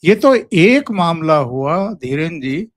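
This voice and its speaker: A man hosting a political discussion show, asking in a measured, deliberate way. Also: a little high, big pitch swings, no echo, studio quality. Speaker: show host.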